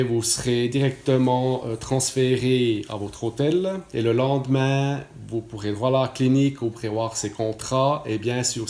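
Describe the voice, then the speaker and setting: The speaker is a man from Switzerland in his 40s, late in that decade, talking with a Swiss French accent in a medium-pitched, gravelly, darkish voice. The recording is reverberant. In his casual testimonial he hesitates a lot, using many fillers and restarting often.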